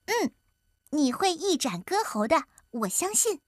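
Lady voicing a caring little hen girl, high sing-song, soft and kind. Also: very animated, measured pace, no room sound, studio quality. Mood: reassuring. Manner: gentle, encouraging. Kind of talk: storybook voice acting.

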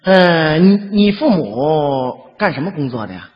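A man's voice: on the high side, very animated, unhurried, long reverb tail, dull audio, voice pushed down. A man voicing a stern middle-aged mother who questions and rejects her daughter's poor suitor. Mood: probing. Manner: prim, lecturing, disapproving.

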